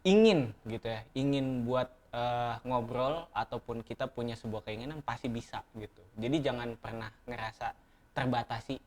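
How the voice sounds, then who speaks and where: A man's voice: medium pitch, moderate pace, darkish tone. A man with an Indonesian accent chatting casually as an interview guest, with a lisp that blurs his r sounds. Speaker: barista competition champion, interview guest. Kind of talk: casual chat.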